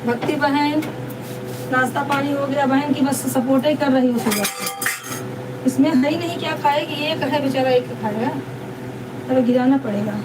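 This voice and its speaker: This live stream host from Deoria district, India, speaks in a high voice at a moderate pace with long pauses. She chats casually and repetitively, addressing viewers as sisters, heard from a distant mic over background noise.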